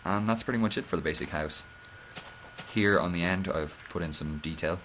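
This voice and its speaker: A man's voice: low voice, a little fast, bright, forceful tone, a little hiss or hum, low-quality recording. A hungover man giving a casual game-building tutorial, speaking hesitantly and often correcting himself. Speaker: video tutorial host.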